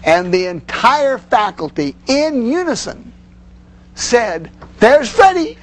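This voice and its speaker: A man giving an instructional lecture on parenting, acting out example phrases in a measured way. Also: very high-pitched, fairly bright tone. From United States.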